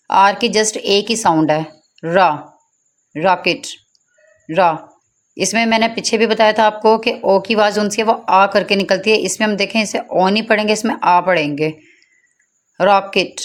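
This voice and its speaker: Pakistani lady teacher going thru phonics, drags the words out slow, mid pitch. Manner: slow, drawn-out word repetition. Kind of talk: phonics lesson for beginners.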